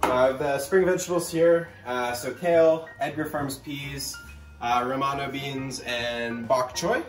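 A young male chef walks through cooking steps in an easy, casual way, filling pauses with "uh". He sounds far from the mic in an echoey kitchen, with music clearly playing behind. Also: mid-range voice, fairly even intonation. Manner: casual, many "uh" fillers. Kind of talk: cooking instructions. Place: restaurant kitchen.

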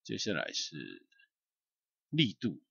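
A man giving a loose, chatty software tutorial, filled with "ah" and "hao" fillers. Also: low-pitched, wildly swooping pitch, slow pace, gravelly, breathy edge, no room sound, lo-fi sound. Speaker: music software instructor. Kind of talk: screen-recorded software tutorial.

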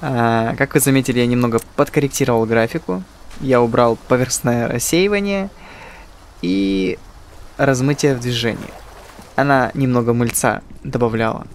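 A man's voice: medium pitch, normal speed, a little hiss or hum. A man hosting a gaming channel with casual let's-play commentary, musing aloud and joking.

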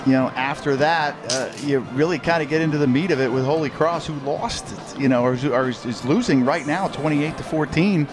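A man's voice: fairly high pitch, fairly quick, few pauses. A man giving color commentary from the broadcast booth, enthusiastic and a little rambling. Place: press box booth. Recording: broadcast with music bed behind.

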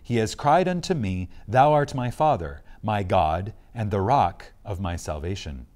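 A man with a lowish, animated, slightly mellow voice reads a spiritual lecture from a script. His reading is reverent, solemn and emphatic, marked by deliberate pauses.

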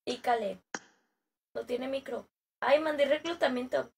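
Young Mexican woman, high voice, unhurried playful slangy streamer patter. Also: gravelly, breathy edge. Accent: Mexican Spanish. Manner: playful, slangy, laughing asides. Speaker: gaming streamer. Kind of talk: casual gaming stream chat.

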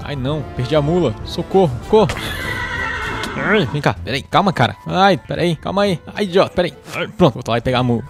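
A man's voice: fairly high pitch, lively intonation, fairly quick, creaky. Jumpy young man commenting gameplay. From Brazil. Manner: jumpy, easily startled, keeps crying out in alarm; chatty, talks to the animals and himself. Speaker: gaming channel host. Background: game music and sheep bleats.

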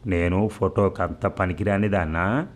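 Male reader as shy village girl, low-pitched, audiobook novel. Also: fairly even intonation, unhurried. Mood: tearful. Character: timid, hurt young village girl.

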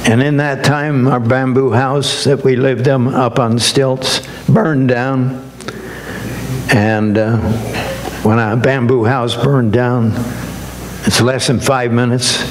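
An older man giving a sermon as guest minister, preaching slowly and emphatically with lifted, rising phrases. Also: mid-range voice, steady tone, background noise.

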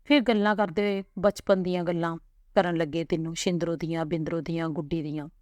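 A woman narrating a family story in a calm, unhurried reading voice. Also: lowish voice, no echo.

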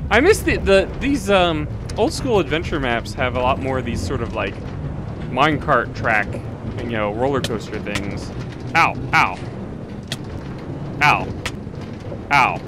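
A man's voice: mid-range voice, lively intonation, unhurried, long pauses. A man playing a video game and giving casual commentary. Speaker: gaming video player. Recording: background noise.

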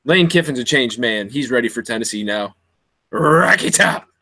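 A man's voice: medium pitch, animated, fairly quick, fairly bright tone, dry recording. Opinionated young man talking football. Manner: opinionated, dry jokes. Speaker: co-host. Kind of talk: casual sports chat.

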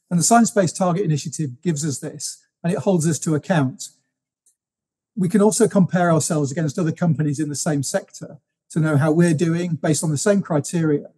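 A man answers podcast questions as a company guest, in a steady, businesslike way. His voice is husky and mellow, pitched a little high for a man. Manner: measured, businesslike explaining.

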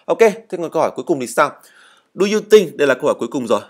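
A man's voice: mid-range voice, expressive, racing, slightly rough. Man teaching English, drilling words. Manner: drills pronunciation, repeats words for students; explains in Vietnamese and reads English model answers. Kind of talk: spoken language lesson.

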